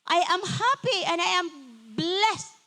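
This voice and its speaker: An older woman with a Filipino accent preaches a sermon in an animated, conversational way, switching freely into English. Her voice sits very high, with a bright, forceful edge. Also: slow.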